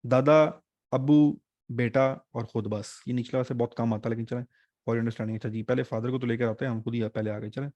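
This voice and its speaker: A male teacher runs an online exam-prep class in a chatty, joking way. His voice sits at an ordinary middle pitch and is recorded dry and close on a desk mic, with no room sound. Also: fairly even intonation, fairly quick, darkish tone, dry recording. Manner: chatty, joking teacher mixing English terms.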